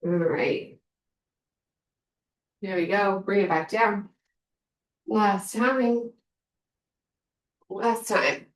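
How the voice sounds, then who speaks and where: A woman's voice: medium pitch, slow pace, long pauses. A woman leading a casual workout class, counting reps and repeating short, encouraging cues. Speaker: fitness instructor leading a workout. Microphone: distant from the speaker. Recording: echoey room, distant microphone.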